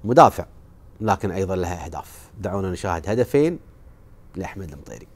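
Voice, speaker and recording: A man presenting football highlights, telling stories of old matches in a relaxed way. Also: racing, background noise. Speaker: sports show presenter.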